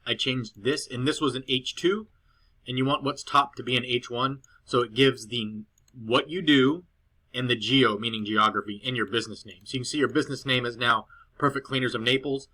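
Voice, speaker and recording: A man's voice: mid-range voice, steady tone, brisk, sharp tone. A man explaining a client report in a loose screen-recorded walkthrough, rambling a little with fillers and restarts, recorded at home on a cheap laptop. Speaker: SEO consultant presenting a client report. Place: girlfriend's house, indoors.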